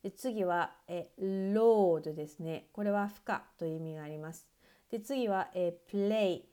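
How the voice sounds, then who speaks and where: A woman teaching English pronunciation in a patient online lesson, explaining slowly with many filler pauses. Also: lowish voice, darkish tone, clean tone.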